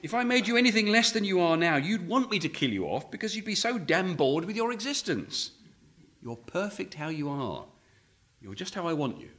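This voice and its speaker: A man's voice: high-pitched, very animated, moderate pace, fairly bright tone. An actor playing an earnest male writer who pleads with his character and reads his adventure prose aloud. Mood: pleading. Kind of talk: comedy audio drama.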